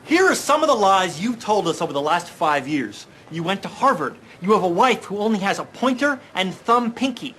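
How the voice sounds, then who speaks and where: With faint noise behind him, an exasperated man in a TV sitcom. His very high male voice is mocking and incredulous, piling one accusation on the next. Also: big pitch swings, moderate pace, hardly any pauses, fairly bright tone. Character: exasperated man indignantly listing someone's lies. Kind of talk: scripted TV sitcom acting, accusatory list.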